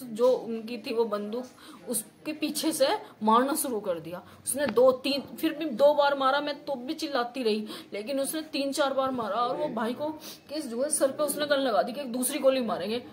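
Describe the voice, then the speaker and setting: A woman giving an urgent eyewitness account to a reporter. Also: high-pitched. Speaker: witness. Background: crowd.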